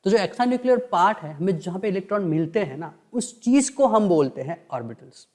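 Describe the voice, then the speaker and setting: Higher-voiced male chemistry teacher. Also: animated, darkish tone. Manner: explains in Hindi mixed with English terms, dictates English lines slowly; asks and answers his own questions. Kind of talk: online lecture.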